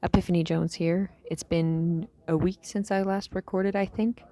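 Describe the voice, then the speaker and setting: Casting: actress as tired young female apocalypse survivor, audio drama diary; low gravelly fry, halting, musing delivery trailing into breathiness. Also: little pitch movement, warm tone, lightly acted. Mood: weary, resigned. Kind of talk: scripted audio diary monologue, fiction drama.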